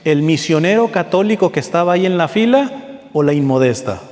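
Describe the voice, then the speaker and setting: Man preaching, higher voice, earnest, slow deliberate readings, long hall reverb. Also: animated, a little mellow. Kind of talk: sermon. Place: hall with a seated audience.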